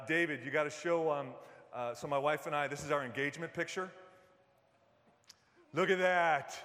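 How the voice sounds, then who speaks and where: Preaching in a large church sanctuary with a long, hall-like reverb, this Detroit man in his fifties talks conversationally in a fairly high, fairly bright voice. His sermon is peppered with fillers and false starts, and he jokes with his congregation.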